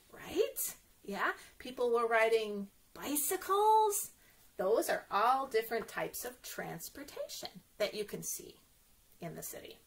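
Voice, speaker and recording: In this clip, a children's librarian runs an interactive story time, her voice a little high and fairly bright. She sounds encouraging and sing-song, frequently asking the young listeners questions directly.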